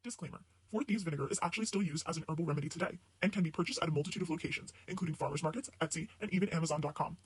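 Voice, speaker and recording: A man's voice: fairly high pitch, rapid-fire, few pauses, breathy edge. A man playing a matter-of-fact disclaimer announcer in a parody pharmaceutical ad, rattling off warnings from a script. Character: brisk male drug-commercial disclaimer announcer listing dangers.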